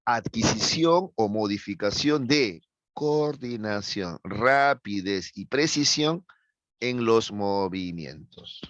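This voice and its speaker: With a lowish, expressive voice that's a bit bright, a Peruvian Spanish-accented teacher lectures slowly, breaking things into steps and frequently making sure students understand. The recording is muffled and has no echo.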